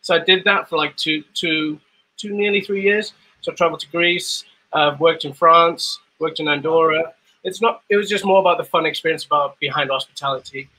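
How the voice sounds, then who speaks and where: Husky guy from zimbabwe rambling through his bartending story on a webcam call, bright tone. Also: on the high side, steady tone, a little fast, rough recording. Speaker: bartender guest. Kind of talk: casual video call chat. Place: dim room at home. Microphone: video call webcam.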